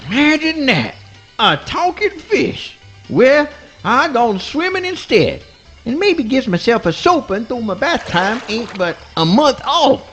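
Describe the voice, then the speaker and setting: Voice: medium pitch, very animated, a little slow, a bit bright, soft background music. An actor voicing a mild-mannered male possum in folksy swamp dialect with mangled grammar, in a live radio play. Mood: easygoing musing.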